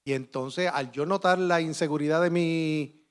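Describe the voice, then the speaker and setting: High-voiced man telling a vivid story. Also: normal speed, smooth. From Puerto Rico. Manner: vivid and animated, shouting out sound effects and acting out dialogue. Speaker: conference panelist. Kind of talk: dramatic first-person storytelling to an audience.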